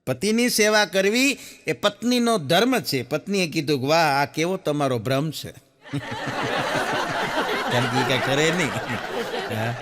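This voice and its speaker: A man's voice: on the high side, measured pace, a little hiss or hum. A man telling jokes on stage as a stand-up comedian, acting out the people in his stories. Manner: animated storyteller, acts out quoted characters. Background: audience laughter.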